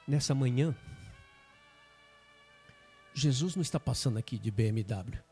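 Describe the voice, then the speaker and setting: A man with a Brazilian Portuguese accent, a pastor telling a story in a sermon with emphatic, dramatic pauses. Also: medium pitch, dark tone, slightly rough, soft background music.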